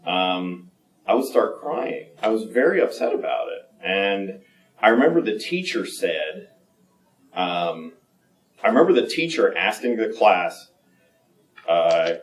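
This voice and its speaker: A man giving a candid personal talk at a conference, halting and full of fillers and restarts. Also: low-pitched, big pitch swings. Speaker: conference speaker. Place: conference room. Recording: echoey room, mic from a distance.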